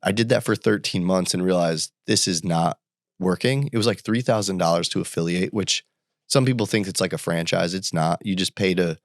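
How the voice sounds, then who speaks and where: A man in his thirties from the United States, chatting casually as a podcast guest and telling animated stories. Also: dry recording, studio quality. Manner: animated, quick jumps in pitch when quoting people. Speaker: podcast guest, entrepreneur and father. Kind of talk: casual conversational storytelling.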